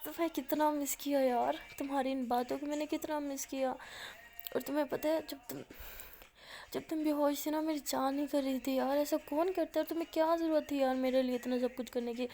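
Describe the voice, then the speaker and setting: A woman's voice: fast, dark tone, close to an everyday voice. A woman doing Amaya, a tearful scolding girl. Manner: tearful, scolding, rising pitch. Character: young woman Amaya, emotional, scolding her love.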